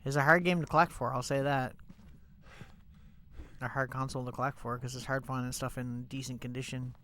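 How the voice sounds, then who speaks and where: Young male streamer, stuffy-nosed, chatty, mid pitch, faint noise. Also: level tone, fairly quick, bright, forceful tone. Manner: chatty, rambling, many fillers like "like" and "you know". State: stuffed up, congested. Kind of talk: casual live-stream chat while gaming.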